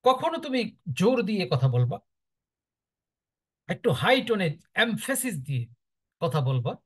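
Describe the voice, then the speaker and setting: A man's voice: sits high, normal speed. A man with a Bangladeshi accent, a teacher giving firm, emphatic advice to his students in a lecture. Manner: firm, instructive, lively emphatic delivery.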